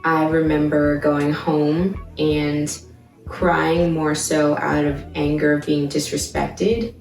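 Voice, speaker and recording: A woman in her twenties from Baltimore, giving a measured, reflective personal account to camera. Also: deep voice, level tone, gravelly, recorded from a distance. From Baltimore, Maryland. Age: 20s. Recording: echoey room, voice from off-mic, soft music behind.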